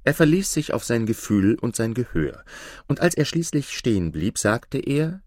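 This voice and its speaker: A man reading a fairy tale aloud in an expressive storytelling manner. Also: medium pitch, normal speed, dry recording, studio quality.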